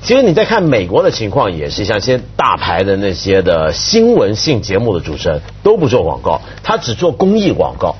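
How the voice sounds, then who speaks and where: A man's voice: lowish voice, wildly swooping pitch, a little fast, hardly any pauses, muffled recording, a little hiss or hum. A man giving casual, explanatory commentary as a panelist on a talk show.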